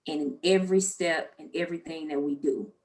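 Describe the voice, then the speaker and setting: A woman's voice: deep voice, normal speed, a little mellow, slight background noise. An American woman, a city planning official, speaking earnestly in a virtual public meeting.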